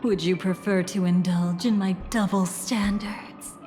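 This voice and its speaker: In video game dialogue, an actress voices an elegant, mysterious woman who is capricious and playfully menacing. Her mid-range, dark voice is steady and close to everyday speech, yet her delivery is theatrical, teasing, silky and deliberate, with a sly, intimate mood. Music plays behind her under a long reverb.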